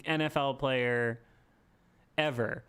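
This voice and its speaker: Guy on a sports postgame stream, smooth clear voice, gets worked up and cusses a lot. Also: medium pitch, slow. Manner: animated ranting, swears freely. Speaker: podcast co-host. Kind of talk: casual sports chat.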